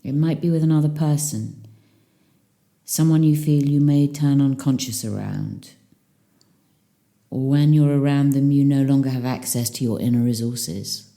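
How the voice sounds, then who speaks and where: This guided meditation comes from a woman teacher whose pitch is extremely low. She talks calmly and soothingly, pausing at length between phrases.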